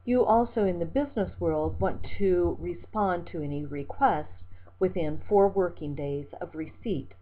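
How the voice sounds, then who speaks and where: Measured woman teaching over tinny audio. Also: lowish voice. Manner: measured, methodical, reading out word lists. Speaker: instructor. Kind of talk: recorded lecture over slides. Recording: tinny phone-like lecture recording.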